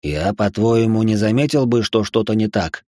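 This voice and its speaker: A man doing a gruff, protective dragon-born husband. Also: lowish voice, moderate pace, mellow, no room sound, studio quality, natural voice. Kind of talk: audiobook character reading.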